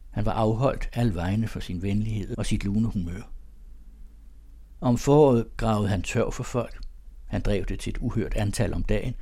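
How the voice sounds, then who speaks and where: A man narrating a literary audiobook in a calm, measured way. His voice sits fairly low, and his tone is dark and mellow.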